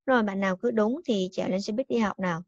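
Woman teacher slowly stressing English words. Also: mid-range voice, darkish tone, no room sound, lo-fi sound. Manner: clear, emphatic teacher talk that repeats and stresses each English word. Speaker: primary school English teacher. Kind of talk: recorded bilingual English lesson for young children.

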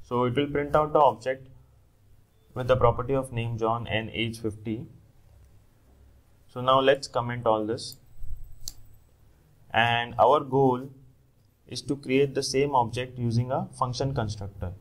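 A young man narrates a screen-recorded coding tutorial in a medium-pitched voice, speaking a little slowly and pausing often. He works through each step plainly and steadily, correcting himself in small ways now and then.

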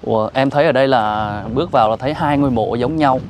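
A charity vlogger hosts a casual interview outdoors at a rural cemetery, politely asking questions, saying deferential yes-words often and paraphrasing the answers back. His voice is medium-pitched and quick, with a little hiss or hum in the audio.

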